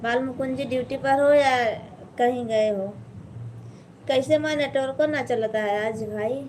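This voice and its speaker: A woman hosting a casual live stream, chatting slowly with viewers and greeting them by name, with an Awadhi-tinged Hindi accent. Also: high-pitched, darkish tone, a little hiss or hum, poor audio. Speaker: livestream host.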